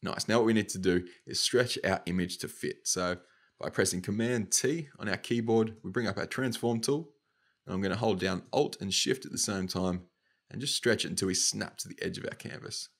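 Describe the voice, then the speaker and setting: A young Australian man with a slightly nasal, stuffy voice, casually talking through a software tutorial step by step. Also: lowish voice, normal speed, creaky. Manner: casual, upbeat, talks through each click. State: nasal from hay fever. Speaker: motion design tutor.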